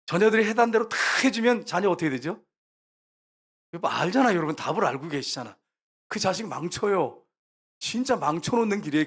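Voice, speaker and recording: A male pastor preaching a sermon. He speaks straight to the congregation and moves between loud, emphatic lines and hushed storytelling. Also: high-pitched. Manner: often addresses the congregation directly.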